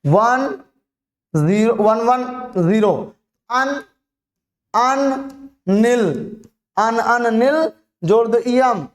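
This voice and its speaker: A teacher giving an online chemistry lesson to students, asking questions and answering them, repeating each term slowly. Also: mid-range voice.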